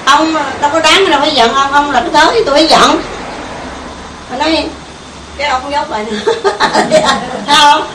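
A Southern Vietnamese-accented woman speaks briskly in a high voice, with long pauses, during an informal Buddhist meditation talk. Conversational in tone, she frequently questions the group listening. The mic is far off in an echoey room, and a faint hiss is audible.

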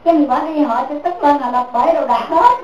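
A woman's voice: sits high, a little fast, darkish tone, soft background music. A woman giving a Buddhist dharma talk as a teacher, repeating her points and asking listeners "right?" again and again. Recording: echoey room, mic far off.

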